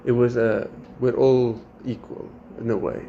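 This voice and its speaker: A South African podcast host whose first language is Afrikaans chats casually in an unhurried, medium-pitched voice with vocal fry. He's animated, acting out and quoting his students' lines, and the sound is slightly dull with faint background noise.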